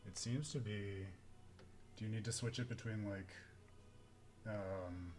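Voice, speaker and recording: A man's voice: on the low side, steady tone, unhurried, a little mellow. A man hosting a live stream, chatting casually in a rambling, joking way. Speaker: stream host.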